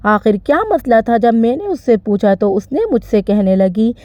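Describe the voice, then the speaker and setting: A woman narrating an emotional first-person story in an expressive storytelling manner. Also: on the high side, moderate pace, dry recording. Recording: slightly dull, dry recording.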